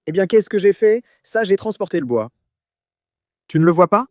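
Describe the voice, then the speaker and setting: Animated high-pitched man, insistent and casual. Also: moderate pace, no room sound, clean studio sound. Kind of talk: casual banter among friends.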